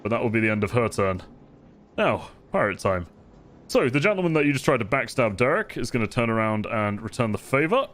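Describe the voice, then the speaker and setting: A man's voice: medium pitch, very animated, fairly quick, a bit bright, faint music behind. A man running a tabletop game as game master, narrating the fight in vivid detail and laughing often.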